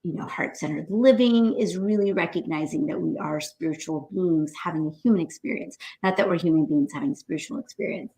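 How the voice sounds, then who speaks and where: A New York woman, a host and doctor, runs a lively, casual spiritual talk show for live viewers, tagging lines with "right?", laughing often, and acting out quoted voices in a high pitch. She's brisk and animated with vocal fry and hardly any pauses. The recording is rough.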